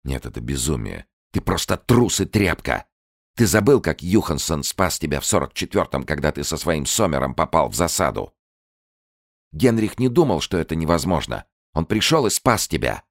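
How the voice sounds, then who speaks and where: A man's voice: rumbling low, fairly quick, creaky, hardly any pauses, a little mellow, husky, no room sound, studio quality, full character voice. A man voicing a desperate young woman, pleading and furious, in a dramatic audiobook reading. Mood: scornful.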